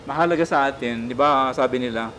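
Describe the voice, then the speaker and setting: A man, a priest giving a casual spiritual talk, gentle and teaching, often checking in with his listener. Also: mid-range voice, fairly quick, a little hiss or hum.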